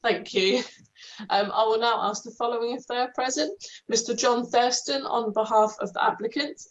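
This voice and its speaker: A woman's voice: fairly high pitch, fairly even intonation, moderate pace. A woman chairing a formal committee meeting over a video call, reading out the procedure with the odd hesitant um. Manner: reads procedure aloud with hesitant ums. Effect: heard over a video call. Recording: dull lo-fi video call audio.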